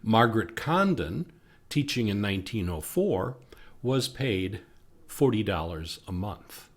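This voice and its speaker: A man with an American accent reading scripted local history narration. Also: on the low side.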